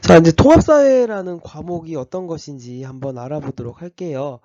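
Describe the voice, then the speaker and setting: This recorded orientation lecture features a male high school history teacher with a slight cold, going through the course outline step by step amid many fillers and restarts. He sounds animated and brisk, with a mellow tone and a slightly high, highly varied pitch. The audio is dry and somewhat dull.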